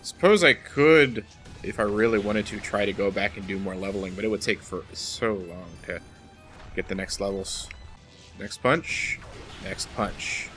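Over background video game music, a man narrates his gameplay in a relaxed, wry, self-mocking way, even addressing the boss he's fighting. He's a let's play host with a fairly low, fairly bright voice and a slightly slow delivery.

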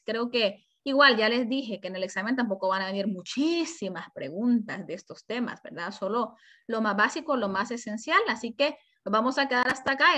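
A woman teaching an online class, animated, asking herself questions and stretching out example words. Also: fairly high pitch. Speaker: high school language teacher.

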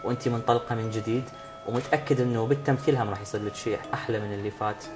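A man's voice: mid-range voice, fairly even intonation, very fast. A man in his thirties with an Iraqi Arabic accent, hosting an interview in a reassuring, encouraging way. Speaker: TV interview host. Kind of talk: interview talk. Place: TV studio. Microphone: lapel mic. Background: background music.

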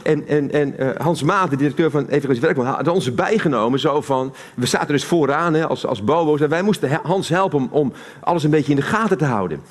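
A man with a Dutch accent preaches a live sermon in a church hall, talking conversationally and putting questions to the congregation. His voice is on the high side and expressive, and he speaks briskly with few pauses.

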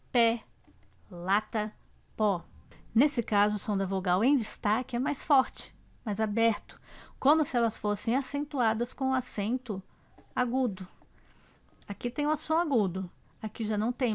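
A woman with a Brazilian Portuguese accent teaching a slide-based grammar lesson, slow and careful, repeating example words aloud. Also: medium pitch.

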